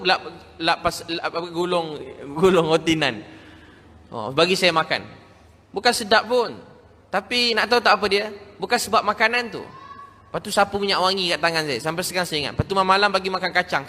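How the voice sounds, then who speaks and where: A man's voice: sits high, sharp tone. A man with a Malaysian Malay accent preaching a storytelling sermon, emphatic and repeating phrases for stress. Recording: long hall reverb.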